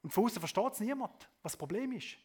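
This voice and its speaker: A man preaching a sermon, swinging between loud emphasis and soft low asides, often adding a questioning tag to his points. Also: sing-song, fast talker, husky.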